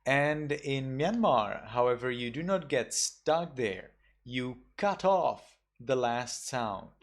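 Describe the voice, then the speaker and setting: A man teaches a class at an unhurried pace, in a mid-range voice. He is patient and methodical, saying each example word slowly and then saying it again. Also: medium pitch, expressive. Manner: slow, patient, repeats example words carefully. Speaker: Buddhist monk teaching a class. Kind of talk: online class instruction.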